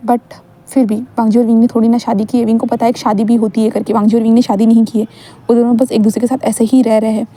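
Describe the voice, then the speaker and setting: A woman narrates a fan-fiction story in a chatty way and turns to speak directly to her listeners. Her voice is slightly high and husky with a dark, mellow tone, and she talks fast. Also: level tone.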